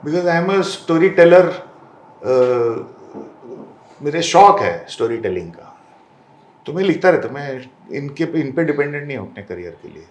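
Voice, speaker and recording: A man's voice: fairly high pitch, sing-song, measured pace, reverberant. A man giving a candid interview as a guest. He talks bluntly and combatively and mixes Hindi with English phrases. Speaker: interview guest, film director.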